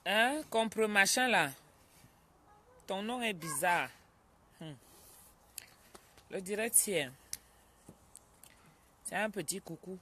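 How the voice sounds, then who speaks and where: A woman hosting a casual live stream from home, chatting with viewers, greeting them by name and breaking off to calm a child. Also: medium pitch, takes it slowly, long pauses, slight background noise.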